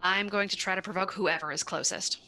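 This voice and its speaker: Bright-voiced woman playing a tabletop game. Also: lowish voice, fairly quick, a little hiss or hum. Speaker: player. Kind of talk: casual tabletop play. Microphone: online call mic.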